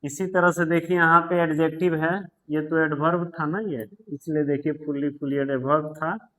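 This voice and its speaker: A man teaching English grammar in a patient lesson, repeating words, spelling them out and telling students to pause and take notes. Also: on the high side, fairly even intonation, sharp tone, rough recording. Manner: tells students to pause the video and write notes. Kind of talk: slow explanatory grammar lesson.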